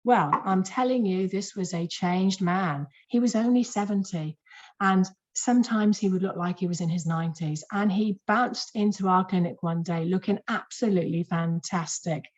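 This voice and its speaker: A woman's voice: medium pitch, moderate pace. Emphatic woman giving a webinar lecture. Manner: lively, emphatic, conversational, repeats words for stress. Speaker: clinician presenting to health professionals. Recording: muffled lo-fi webinar audio.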